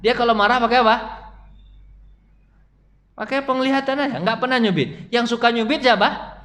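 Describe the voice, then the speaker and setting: A man's voice: very high-pitched, moderate pace. A middle-aged man preaching at a mosque study session, telling stories and putting questions to his audience. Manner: animated storytelling, asks the audience questions.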